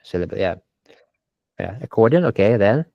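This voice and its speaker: Low-voiced man teaching pronunciation. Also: animated, normal speed, gravelly, no echo, dull audio. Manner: hesitant, repeats words to model pronunciation. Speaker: English teacher. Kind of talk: online language lesson.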